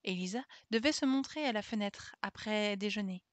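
A woman streamer reading a classic children's novel aloud in a calm, steady storytelling manner. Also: medium pitch, normal speed, no echo.

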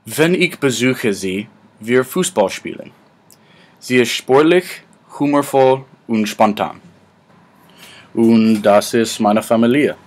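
19 yr old american guy, english native, reading out his class project slow and careful, lowish voice. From United States. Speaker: student. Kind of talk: read class presentation.

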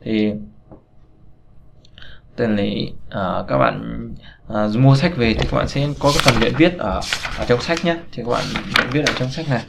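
Gravelly-voiced man teaching a casual lesson. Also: medium pitch, unhurried. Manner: hesitant, many fillers, repeats words. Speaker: Chinese language teacher. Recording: dull lo-fi recording with faint noise.

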